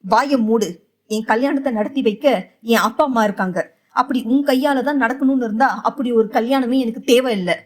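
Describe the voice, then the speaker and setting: A woman voicing a fierce, outspoken young woman in an audio novel, giving sharp, defiant retorts. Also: on the high side, fairly quick, close to an everyday voice. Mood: scornful.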